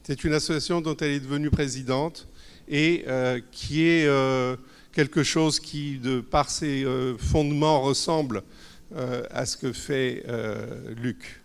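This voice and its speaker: A man's voice: mid-range voice, fairly even intonation, takes it slowly, smooth. A man hosting a conference, formally introducing the guest speakers. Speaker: conference host. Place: conference hall. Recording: reverberant hall.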